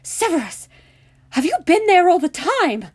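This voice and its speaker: A woman voicing an amused, motherly senior witch professor in a storybook, witty and soothing, with a slightly husky voice. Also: medium pitch, animated, normal speed, darkish tone, no echo. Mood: startled.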